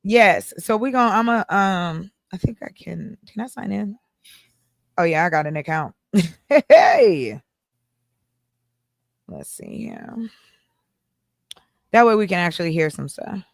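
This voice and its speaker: A woman hosting a casual group chat in a playful, teasing, animated manner. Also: mid-range voice, unhurried, creaky, long pauses, dry recording, clean studio sound. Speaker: host.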